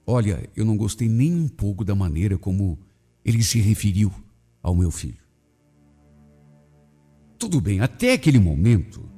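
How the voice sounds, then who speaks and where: A man's voice: mid-range voice, mellow. A man hosting a radio show, reading a listener's story in the first person with emotional, indignant delivery. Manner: emotional, swinging between indignation and pity.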